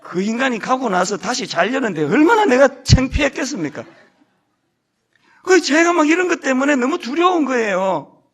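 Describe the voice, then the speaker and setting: A middle-aged man leads a sermon from the pulpit of a church sanctuary. His voice sits very high and swings widely in pitch. He tells stories about his own fears with self-mocking humor and teases the congregation as he goes. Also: big pitch swings, moderate pace, a bit bright, slightly rough. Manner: humorous self-deprecating storytelling; jokes with the congregation. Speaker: senior pastor.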